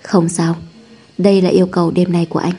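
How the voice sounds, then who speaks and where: A woman voicing a devoted young husband who talks low and gently, in a hushed, soothing way. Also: steady tone, moderate pace, husky. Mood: tender. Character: devoted rich young husband, cool but tender.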